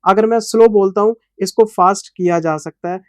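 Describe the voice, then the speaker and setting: A man teaching accounting who explains his course to students. He speaks slowly and patiently, and addresses them in a fatherly way. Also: high-pitched, darkish tone, clean tone, dry recording, studio quality. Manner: deliberately slow, patient delivery; fatherly, calls students "son".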